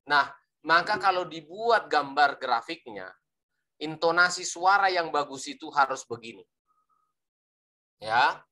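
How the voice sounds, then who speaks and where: A preaching instructor teaches a lesson on sermon delivery, speaking emphatically in a voice on the high side with lively intonation and a bright, forceful tone. He's unhurried and pauses often, demonstrating rising and falling intonation and tossing in playful, teasing asides.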